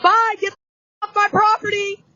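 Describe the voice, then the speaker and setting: A woman heard through a doorbell camera speaker, angrily yelling profanity and ordering people off her property. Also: very high-pitched, flat delivery, brisk, dry recording, highs cut off. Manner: yells furious profanity, ordering officers away.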